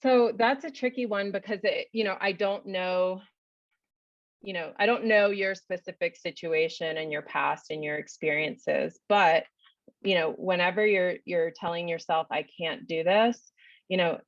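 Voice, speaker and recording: A woman's voice: lowish voice, normal speed, no room sound, dull audio. A woman psychologist answering questions in a webinar, thoughtful, with many "you know" fillers. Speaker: psychologist guest speaker.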